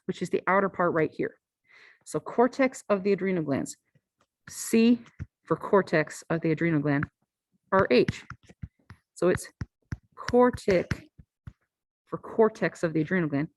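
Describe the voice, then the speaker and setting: A woman gives a physiology lecture to a class in a relaxed, conversational way, often pausing to ask "all right?". Her voice sits at a middle pitch, and the recording is dry and close with no room echo. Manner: conversational and repetitive, with frequent "all right?" check-ins.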